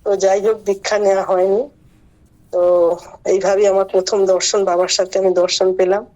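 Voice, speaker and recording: Middle-aged lady telling her story slow and earnest, pauses a lot, dull call audio. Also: mid-range voice, flat delivery, a little mellow. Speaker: devotee sharing her experience. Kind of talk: personal testimony on a video call. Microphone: video call. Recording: muffled online call audio.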